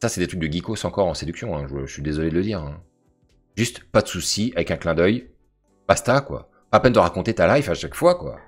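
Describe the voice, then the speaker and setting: Man, low voice, dating coach commentary, blunt, slangy, scolding, faint music behind. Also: fast. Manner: animated, pitch jumps when making a point. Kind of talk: commentary reading out a subscriber's messages.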